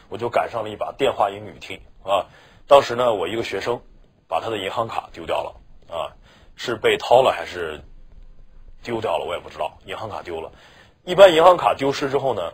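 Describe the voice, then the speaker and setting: Speaking in a low voice with a breathy edge, a Mandarin-native male teacher talks his class through exam prep in a chatty way. He keeps asking "是吧" to check that they agree.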